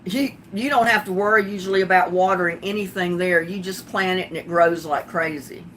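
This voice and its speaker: This older North Carolina gardening host chats on a livestream in a Southern accent tinged with Texas, laughing often as she tells stories. She talks fairly quickly in a lowish, somewhat bright voice, with a little hiss or hum in the recording.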